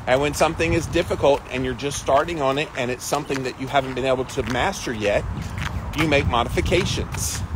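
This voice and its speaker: This man's voice sits on the high side as he hosts a relaxed livestream for his daily ice bath challenge, answering viewer comments he reads aloud with emphatic, encouraging, everyday language. Noise is audible in the background.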